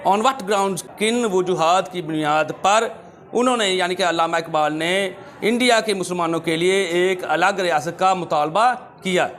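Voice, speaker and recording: A man with a Pakistani accent teaching a school English lesson, repeating each phrase slowly and reading English lines deliberately. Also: high voice, fairly bright tone. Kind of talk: exam-prep lesson for schoolchildren.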